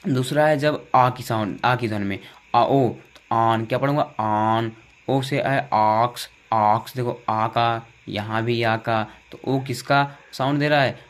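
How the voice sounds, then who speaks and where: A man's voice: medium pitch, a little slow. A young man with a Hindi accent, teaching English vowel sounds by asking questions and answering them himself, with lots of repetition. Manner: repetitive call-and-response drilling, asks and answers himself.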